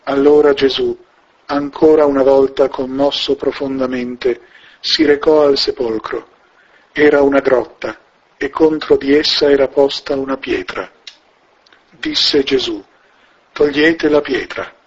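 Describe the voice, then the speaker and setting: A man reads scripture in a solemn, measured way, very slowly and with a husky voice. His pitch sits in the middle range. The sound is dull and muffled, like an old radio broadcast. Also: fairly even intonation. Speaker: scripture reader.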